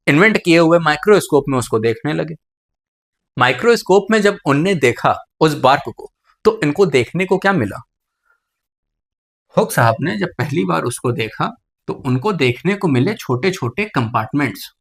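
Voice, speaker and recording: A man with a fairly high, fairly bright voice lectures on biology at a moderate pace, animated and with some vocal fry. He keeps calling his students "beta" and poses questions he then answers himself.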